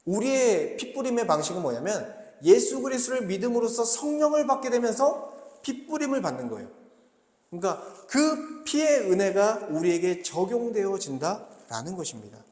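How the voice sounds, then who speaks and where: A man's voice: sits high, darkish tone. A man preaching a sermon as pastor, earnestly asking rhetorical questions and answering them. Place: church sanctuary. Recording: echoey church hall.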